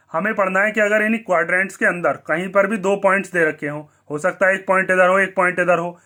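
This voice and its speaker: High, bright-voiced male maths teacher. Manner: asks the class questions and answers them himself. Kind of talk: blackboard maths lesson.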